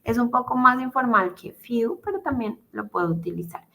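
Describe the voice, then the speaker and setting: A woman teaching English over a video call, with a bright, clear, forward tone. She explains patiently and steadily, reading each example aloud before breaking it down. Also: a little high, lively intonation, normal speed. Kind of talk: online class explanation.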